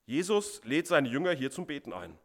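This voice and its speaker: A man's voice: on the high side, sing-song, moderate pace. A man preaching a sermon as pastor, stressing and repeating key words for emphasis.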